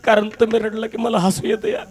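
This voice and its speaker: A man's voice: sits high, flat delivery, a little fast, music in the background, pitched above the performer's own voice, natural voice. A man playing a cheeky village bride. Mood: teasing. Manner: teasing, sing-song rhyming verses. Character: cheeky newly married young village bride. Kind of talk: folk devotional theatre performance.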